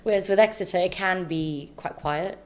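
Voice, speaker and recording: A young adult medical student, South London-born with a London accent, is interviewed casually on a podcast, and she responds with enthusiasm and reflection. Her pitch is fairly low and her speed normal.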